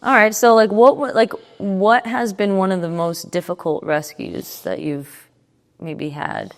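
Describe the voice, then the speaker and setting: A woman with a New Jersey accent hosting an interview, chatty, reacting quickly and laughing often. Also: medium pitch, steady tone, creaky, in a large hall. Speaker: podcast host. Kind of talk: casual interview.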